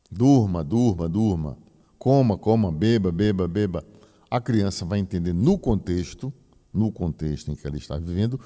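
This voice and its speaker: A man's voice: deep voice, warm tone. A priest giving a teaching talk to a group, explaining with folksy asides to his listeners. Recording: long hall reverb.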